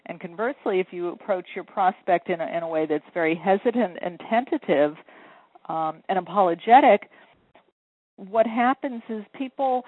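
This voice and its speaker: A woman's voice: medium pitch, moderate pace, dry recording. Woman, sales coach, encouraging, explains step by step, telephone audio, dry sound. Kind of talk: phone interview. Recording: tinny phone line.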